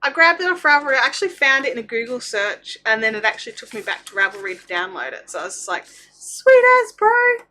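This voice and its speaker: A woman's voice: on the high side, quick pace, hardly any pauses, sharp tone, rough recording. A woman hosting a casual craft livestream, chatting informally and thinking aloud in a scattered, self-interrupting way.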